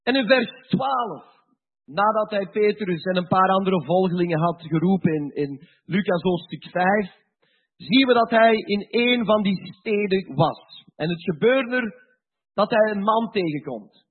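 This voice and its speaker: A man preaching a sermon, slow and emphatic, with sudden drops to a quiet voice. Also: high-pitched, expressive, husky. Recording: tinny phone-like sound.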